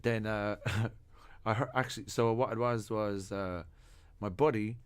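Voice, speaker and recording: Podcast guest: Irish man with a lowish voice, lively anecdotes, acts out quoted lines. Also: measured pace, clear, resonant tone. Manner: animated storyteller, quotes others in lively bursts. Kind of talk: casual chat. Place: music studio.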